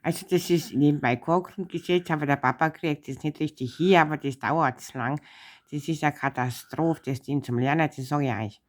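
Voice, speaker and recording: A woman's voice: low voice, moderate pace. A woman with a Bavarian accent hosting a casual comedic chat, bossy and teasing as she corrects someone. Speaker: show host teaching Bavarian.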